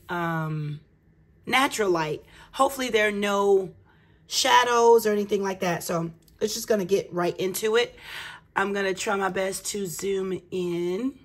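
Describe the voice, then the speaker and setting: With a mid-range, slightly raspy and cracked voice, this woman runs a budgeting vlog. She addresses viewers casually, explaining in a down-home, self-deprecating style.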